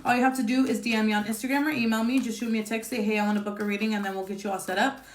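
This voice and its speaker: A woman's voice: fairly high pitch, steady tone, racing, echoey room. A woman giving a casual tarot reading, chatty and blunt, who swears freely and keeps checking in with "okay?". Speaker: tarot reader.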